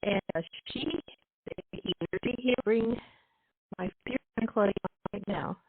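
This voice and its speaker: A woman hosting a radio show over a call connection that keeps breaking up. She talks in a casual, halting way with fillers. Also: mid-range voice, slightly rough, dry recording. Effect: choppy connection, breaking up. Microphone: new mic on a call-in line. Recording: dry, tinny phone line breaking up.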